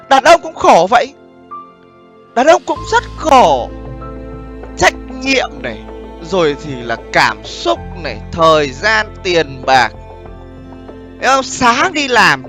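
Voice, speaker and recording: A man delivers a casual, blunt monologue on relationships with plenty of swearing. His voice sits very high and swings widely, with a sharp, forceful edge as he keeps checking that his listeners follow. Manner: blunt, profane, often asks "understand?" and "right?". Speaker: online host giving relationship commentary. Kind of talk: casual monologue addressed to viewers.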